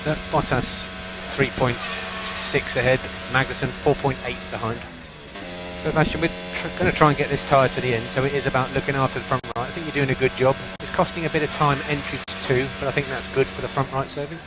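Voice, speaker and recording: A man's voice: mid-range voice, fairly even intonation, quick pace, loud music behind the voice, rough recording. A man working as a race engineer, giving concise, repeated instructions over race car team radio. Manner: concise, repeats key calls.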